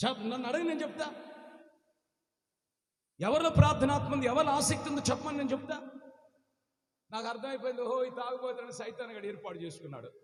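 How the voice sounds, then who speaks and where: A pastor preaching a fervent sermon, swinging between loud exhortation and hushed storytelling. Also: male voice, very high-pitched, fast talker, pauses often. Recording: echoey hall with music.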